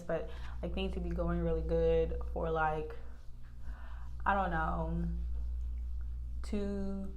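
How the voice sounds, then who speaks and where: A woman's voice: lowish voice, a little mellow, slight background noise. A woman in her late twenties chatting casually while doing her skincare at home, rambling with many fillers and restarts. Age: late 20s. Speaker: beauty vlogger.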